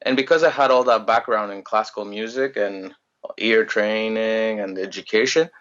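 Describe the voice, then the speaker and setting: A young man from Greece, a musician telling his story in a relaxed, rambling way in a casual interview. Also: on the low side, normal speed, lo-fi sound. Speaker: musician guest.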